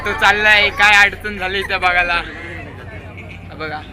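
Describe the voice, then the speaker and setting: A young man chats his way through a vlog from inside a bus. His voice sits fairly high, and he keeps telling viewers to look at things around him. The phone recording picks up the chatter of a crowded bus behind him. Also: slow, noisy background. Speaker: vlogger. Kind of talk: casual vlog narration. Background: chattering passengers on the bus.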